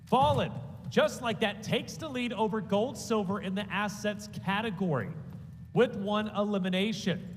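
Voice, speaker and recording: A man working as an esports caster and analyst, giving excited, emphatic live commentary and repeating key phrases. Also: high-pitched, normal speed, a little hiss or hum. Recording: long hall reverb, music underneath. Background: music.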